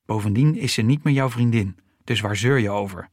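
A man's voice: mid-range voice, fairly quick, darkish tone, breathy edge, no room sound, studio quality, natural voice. A man voicing a stubborn, fed-up schoolboy who talks bluntly and grumbles. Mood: annoyed.

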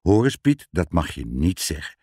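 A man voicing a dignified, indignant old saint in a lowered, solemn voice. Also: sing-song, normal speed, darkish tone, husky, dry recording, clean studio sound, exaggerated voice. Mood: stern.

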